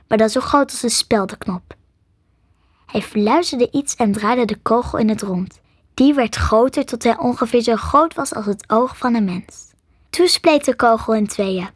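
A woman reading a storybook aloud with steady, soft narration. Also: on the high side, unhurried, slightly rough, no echo, clean studio sound.

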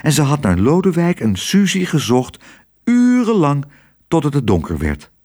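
Expressive man reading a children's story. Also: on the high side, moderate pace. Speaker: narrator.

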